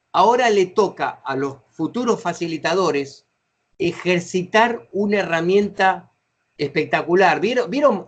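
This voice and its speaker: A middle-aged man with an Argentine accent leads a training session for facilitators, chatty and acting out example phrases as he explains. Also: fairly high pitch. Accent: Argentine Spanish.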